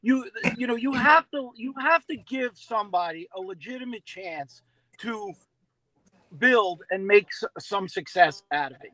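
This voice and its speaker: A man with a high, piercingly bright voice talks sports in a loose, rambling way. He circles back with fillers and restarts as he works through his point. The sound is close and dry. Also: dry recording, rough recording. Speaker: football show panelist. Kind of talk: casual sports talk.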